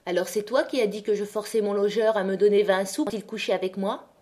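A woman's voice: fairly even intonation, fast, dark tone, close to an everyday voice. A woman voicing a quarrelsome miner's wife who hurls accusations in an audiobook. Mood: accusing. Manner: accusing, shrill. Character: quarrelsome miner's wife, sharp-tongued gossip.

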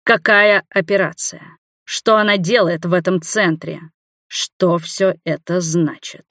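A woman's voice: fairly low pitch, steady tone, unhurried, a bit bright, no room sound, studio quality. A woman voicing an agitated male doctor who fires off heated, almost hysterical questions.

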